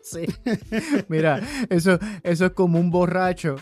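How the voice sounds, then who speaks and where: A man co-hosting a podcast, telling jokes in an animated way and laughing at them himself. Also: high-pitched, a little slow, dry recording, soft background music. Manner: animated storyteller, laughs at his own jokes. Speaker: podcast co-host. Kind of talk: casual chat, telling jokes.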